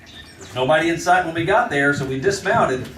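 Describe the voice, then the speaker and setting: An actor playing a weary, authoritative American frontier marshal, dry and steady, in 1950s radio western acting and narration. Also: male voice, a little high, a little fast. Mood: matter-of-fact. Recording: noisy, echoey old radio recording, distant.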